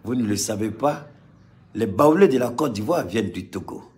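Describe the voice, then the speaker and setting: A man from Mali giving impassioned political commentary to a live audience, repeating phrases for emphasis and swinging between loud and quiet. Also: fairly low pitch, expressive, moderate pace.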